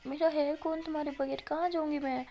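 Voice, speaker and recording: A woman voicing a young college student who soothes and teases her crying partner in a quick, coaxing, fond way. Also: high voice, fairly even intonation, mellow, pitched above the performer's own voice. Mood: soothing.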